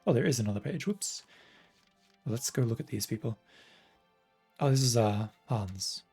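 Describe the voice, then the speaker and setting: A man's voice: medium pitch, a little fast, a little mellow, breathy edge, soft background music. A man casually commenting on a video game during a live stream, rambling and thinking aloud.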